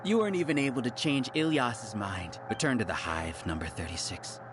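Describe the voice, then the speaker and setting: An actor playing an arrogant villain researcher who leads a hive mind, giving grandiose, condescending monologues in a video game. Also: male voice, mid-range voice, fairly quick, fairly bright tone, soft background music, natural voice.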